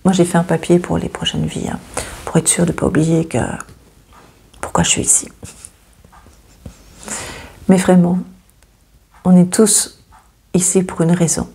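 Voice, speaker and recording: A woman giving a casual, hesitant astrology reading, with many fillers and gentle reassurance. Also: on the low side, fairly even intonation, measured pace, vocal fry, pauses often, breathy edge. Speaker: astrology channel host.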